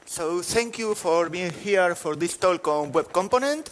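On a large conference hall stage, a Spanish man in his forties gives a talk with a Spanish accent. His high-pitched voice has lively intonation and a measured pace, and he's self-deprecating, often restarting phrases.

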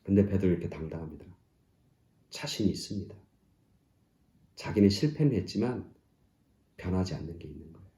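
A male pastor giving a sermon, climbing to loud, high exclamations and then dropping to soft, near-whispered lines. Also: animated, a little fast, pauses often, roomy sound. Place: church sanctuary.

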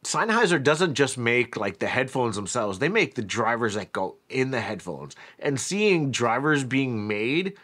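A man from Canada narrating a casual vlog about a factory trip in a relaxed, chatty way with lots of fillers. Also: mid-range voice, a little slow, hardly any pauses, slightly rough. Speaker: vlogger, headphone reviewer.

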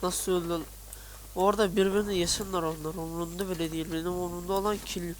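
A woman's voice: lowish voice, steady tone, quick pace, slight background noise. A woman giving casual gameplay commentary, muttering to herself, swearing, and breaking into sudden yelps. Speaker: gamer. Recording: game sounds loud behind the voice.

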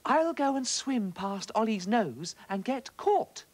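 Tiny nervous female fish, stammering and squeaky, put on by a male narrator. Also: very animated, takes it slowly, heavily acted. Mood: bold.

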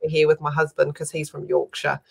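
A woman's voice: low-pitched, monotone, fast talker, vocal fry, a little mellow, breathy edge. A woman hosts a friendly, chatty interview over a video call, with plenty of fillers. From New Zealand. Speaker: host. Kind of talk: casual interview chat. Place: indoor room at home.

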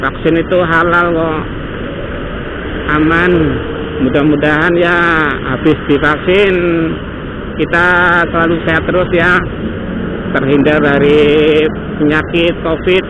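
An Indonesian man chats casually as a motovlogger while riding a motorbike on city roads. His voice is fairly high and fairly even, a little slow, with long pauses. The dull helmet mic picks up loud engine noise, wind and passing traffic.

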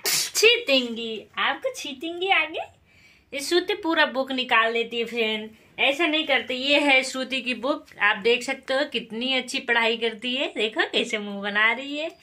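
A woman filming a casual family vlog at home, coaxing and gently scolding her child while talking to viewers. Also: sits high, moderate pace.

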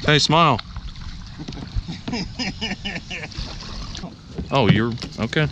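A man's voice: medium pitch, expressive, very slow. A young man fishing from a kayak on a lake, chatting casually and exclaiming over each catch. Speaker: fishing vlogger. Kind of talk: casual outdoor chat while fishing. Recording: noisy outdoor camera audio. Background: rain and water noise.

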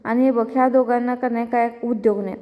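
A woman's voice: on the high side, steady tone, quick pace, mellow, natural voice. A woman voicing a teasing young man who bosses others around, in an echoey room. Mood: mocking bossy. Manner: bossy, mocking.

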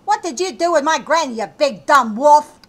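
A woman's voice: high-pitched, animated, moderate pace. A woman voicing a brash, streetwise young girl who runs cookie scams, in a comic radio play. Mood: sassy. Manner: brash, sassy, mocking.

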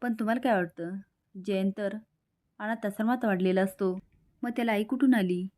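Woman, serial-recap narrator; even storytelling voice with dialogue read in. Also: mid-range voice, moderate pace. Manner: steady storytelling, reads characters' lines in quotes.

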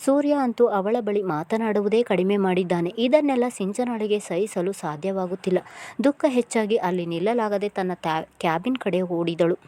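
A woman narrating a serialized novel, reading in an even storytelling delivery. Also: medium pitch, normal speed. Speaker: audiobook narrator.

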